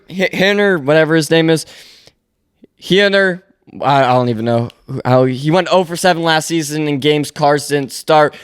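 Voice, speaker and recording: A man's voice: fairly high pitch, smooth. A young man hosting a solo sports podcast, rambling and opinionated, often stopping to correct himself as he talks through the news. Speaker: podcast host. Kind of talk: casual solo sports commentary.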